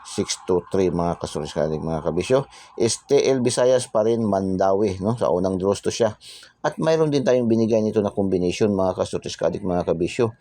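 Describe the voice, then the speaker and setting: Man, very deep, chatty host, keeps saying "ha?", dry sound. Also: normal speed, dark tone, no echo. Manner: chatty, repeats tag phrases and "ha?" constantly; drops into whispers for secret numbers. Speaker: lottery tip channel host. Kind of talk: casual channel talk.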